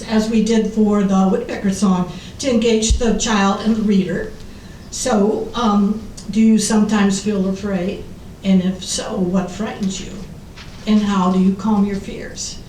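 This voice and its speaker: An American woman giving a prepared presentation to an audience as a children's author. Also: a little mellow. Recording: roomy, distant mic, faint rumbling noise.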